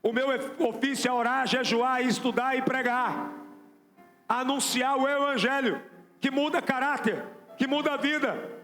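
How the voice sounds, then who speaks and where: High-voiced Brazilian preacher in echoey hall. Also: male voice, measured pace, pushed and bright. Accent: Brazilian Portuguese. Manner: emphatic, repeats lines, questions the crowd. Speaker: apostle preaching. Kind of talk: sermon. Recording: echoey church with background music.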